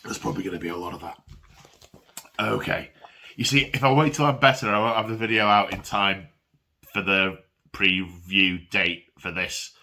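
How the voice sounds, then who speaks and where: A low-pitched man with a cold talks through a miniature wargame box on his phone. His voice is bright and forceful despite the cough. He wanders off on self-deprecating tangents and trips over his own sentences. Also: moderate pace, vocal fry, a little hiss or hum. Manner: rambling and self-deprecating, with frequent restarts. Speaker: miniature wargaming hobby channel host. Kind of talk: casual unboxing and rules review vlog. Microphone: phone camera.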